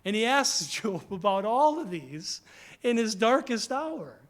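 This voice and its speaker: A man preaching a sermon in a church, animated and conversational, with quick asides and paraphrased dialogue. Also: high-pitched.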